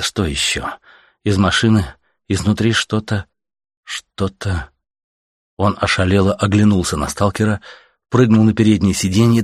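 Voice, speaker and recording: A man's voice: on the low side, husky, no room sound, clean studio sound. A man narrating an audiobook in terse, clipped sentences.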